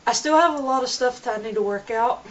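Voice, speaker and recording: Talking quickly in a slightly high voice, a young vlogger rambles earnestly and keeps restarting her sentences. The casual vlog was captured at home on a camera mic and has the dull sound of lo-fi home video.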